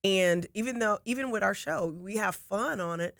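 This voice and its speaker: A woman's voice: mid-range voice, normal speed, vocal fry, fairly bright tone, no room sound, clean studio sound. A woman with a Southern US accent hosting a talk show, bantering casually and laughing easily. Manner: chatty, laughing, self-correcting.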